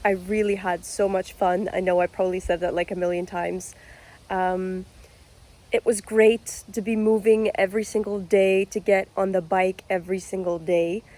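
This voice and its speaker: A woman speaks as a vlogger in a casual, rambling style, with real enthusiasm. Her medium-pitched voice sounds a little unwell, as if she has a cold. The delivery is informal and chatty. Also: a little mellow. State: sick, voice sounding off. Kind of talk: casual vlog talk to camera.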